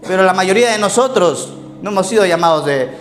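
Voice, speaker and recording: Un pastor que predica un sermón contando anécdotas, hace preguntas a la congregación y se ríe de sus propios chistes. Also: male voice, high voice, expressive, quick pace. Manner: storytelling, asks the congregation questions, laughs at his own jokes. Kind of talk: sermon. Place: church hall. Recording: echoey church hall with faint music.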